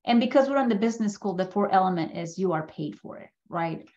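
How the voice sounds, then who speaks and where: Speaking quickly and expressively, this middle-aged woman has a medium-pitched, mellow voice captured with lo-fi sound through a video call microphone. Originally from Mexico City, she is a business school guest speaker sharing her personal story in a casual slide talk from an indoor room, frequently checking in with her audience.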